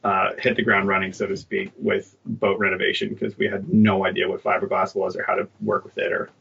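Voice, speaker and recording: A man in his thirties, a guest in a conversational interview, tells stories in an easygoing, self-deprecating way. His voice sits low with a flat delivery, vocal fry, and a slightly bright, husky quality, moving a little fast. The audio comes over a dull remote line.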